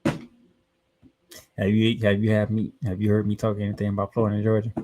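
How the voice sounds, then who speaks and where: An American man co-hosting a college football preview show, announcing matchups in an animated way. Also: fairly low pitch, moderate pace. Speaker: sports show co-host.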